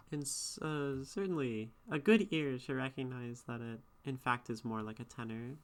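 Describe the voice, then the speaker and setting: A woman streamer, also a poetry critic, talks casually at an unhurried pace in an extremely low voice. She reads her chat aloud and responds thoughtfully, rambling and frequently restarting her sentences.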